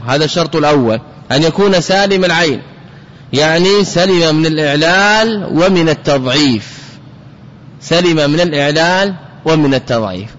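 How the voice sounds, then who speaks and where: A man giving a classical Arabic grammar lesson, explaining slowly, repeating example words and asking rhetorical questions. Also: on the high side, fairly bright tone. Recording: dull audio with long hall reverb.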